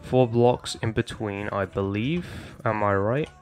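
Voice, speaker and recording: A chatty young Minecraft building tutorial creator talks viewers through the steps, calling them "guys," in casual gameplay commentary. His fairly low, darkish voice is slightly hoarse as he loses it, and he takes things slowly. Faint music plays in the background.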